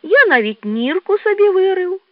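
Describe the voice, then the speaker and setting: Smuhastyk, a shrill boastful badger cub, as a woman puts him on. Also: normal speed, dry recording. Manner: shrill and excitable. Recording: tinny lo-fi dry recording.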